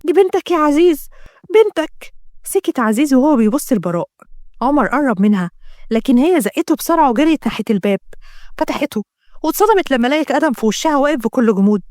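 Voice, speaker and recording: Egyptian woman narrator, fast dramatic storyteller, dry close sound. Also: on the high side, animated, dark tone, no room sound. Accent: Egyptian Arabic. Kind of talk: narrated romance story reading.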